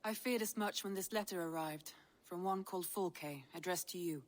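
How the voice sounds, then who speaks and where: A woman's voice: on the low side, moderate pace, natural voice. An actress playing an earnest, concerned Viking woman counsellor in a video game, speaking formally and seriously. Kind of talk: scripted video game acting.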